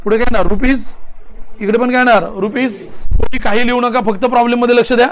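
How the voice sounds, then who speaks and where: A man with a Marathi accent teaching an accounting lesson, repeating steps and pressing students to answer aloud quickly. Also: extremely high pitch, steady tone, a little hiss or hum. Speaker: commerce teacher.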